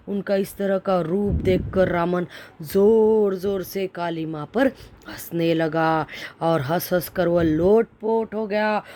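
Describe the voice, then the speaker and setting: A woman's voice: on the low side, a little mellow, a little hiss or hum. A woman teacher telling a story to children, restating each idea in simpler words. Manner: explains by restating words with synonyms.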